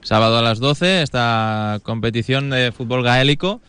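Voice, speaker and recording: Smooth-voiced man hosting. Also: medium pitch, moderate pace, a bit bright. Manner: encouraging, rephrases questions for the guest. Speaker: radio host, interviewer. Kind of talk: casual local radio interview.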